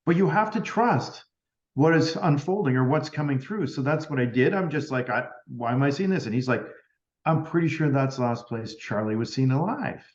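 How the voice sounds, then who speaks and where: A man's voice: mid-range voice, expressive, moderate pace. A man who is a medium, guesting on a podcast, recounting an experience in casual chat and acting out both sides of each conversation, with plenty of "like" fillers. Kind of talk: storytelling in a casual interview. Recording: roomy and slightly dull sound.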